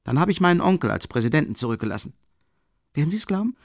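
A man's voice: fairly high pitch, racing, vocal fry, no echo, clean studio sound, pitched above the performer's own voice. A man voicing a drunk, gushing young man. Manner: excitable, gushing, tumbling speech. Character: drunk, rapturous young man, babbling and effusive. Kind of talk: audiobook character voice.

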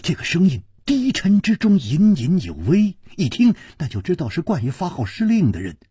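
A man performing traditional Chinese storytelling with a dramatic, lively delivery. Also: fairly high pitch, normal speed, breathy edge, no echo, clean studio sound.

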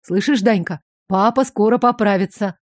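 A woman voicing a calm, motherly older woman in an audiobook. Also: mid-range voice, moderate pace, no room sound, studio quality, lightly acted. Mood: relieved.

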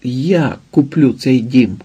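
A man's voice: mid-range voice, slow, warm tone, husky, dull audio. A male audiobook reader voicing a shy, lovesick young man in a plain, hesitant voice. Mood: pleading.

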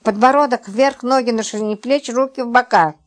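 A woman reads a comic novel aloud as narrator. Her voice sits on the higher side, and her reading is lively and expressive. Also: a little fast. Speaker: audiobook narrator. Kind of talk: scripted narration.

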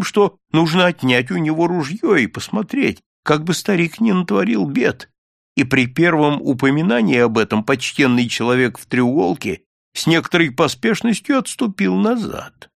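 A man narrating a classic story as an audiobook in an expressive, dramatic reading style. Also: fairly high pitch, gravelly, no room sound, clean studio sound. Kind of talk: scripted literary narration.

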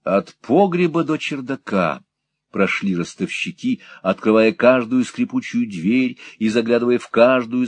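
A man's voice: on the low side, husky, dry recording. Man reading a dramatic audiobook. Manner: expressive, dramatic storytelling. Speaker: narrator. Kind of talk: audiobook reading of a classic novel.

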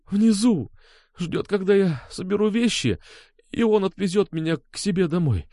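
A man's voice: sits high, lively intonation, moderate pace, mellow, no room sound, clean studio sound, voice pushed up. A man reading an audiobook, voicing a frightened young woman who speaks through tears and pleads. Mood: frightened pleading. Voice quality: tearful, pleading.

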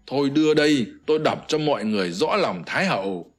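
A man's voice: mid-range voice, expressive, quick pace, soft background music, pitched above the performer's own voice, close to an everyday voice. A man voicing an emotional young officer in an audiobook, with impassioned, tearful outbursts. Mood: urging. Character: young male officer, emotional and quick to weep. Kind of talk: scripted narration of a historical novel.

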